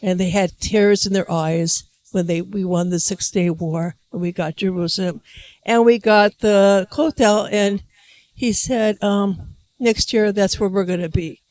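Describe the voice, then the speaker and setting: A woman from the United States, older and with a mid-range, steady, slightly mellow voice, speaks at a measured pace. She's giving a personal testimony at a conference through a handheld mic in a hall, emotional and rambling, with plenty of restarts.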